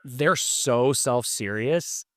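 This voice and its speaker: A podcast co-host thinks aloud about old horror films, stopping and restarting his sentences. His voice is clear and smooth, recorded dry and close. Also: medium pitch, no echo. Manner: hesitant, halting, with many restarts. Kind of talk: casual movie chat.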